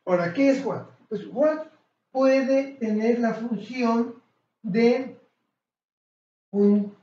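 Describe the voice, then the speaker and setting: A man teaching a language lesson, explaining slowly and deliberately, pausing and correcting himself mid-sentence. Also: very high voice, mellow. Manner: slow, deliberate, with pauses and self-corrections. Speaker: English teacher. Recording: echoey, dull lo-fi room sound.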